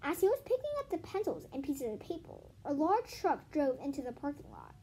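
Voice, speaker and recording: A high, sing-song female voice with a dark tone moves a little fast as she reads a children's book for her home vlog. She chats casually and mutters to herself along the way, over a noisy recording with clicks.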